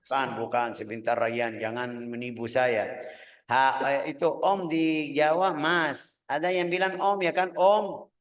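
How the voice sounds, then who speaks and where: A man, teaching a hadith lesson in an animated, informal way and often mimicking loud calls. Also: fairly high pitch, measured pace, reverberant. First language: Arabic. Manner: animated, mimics loud shouting, mixes in Arabic recitation.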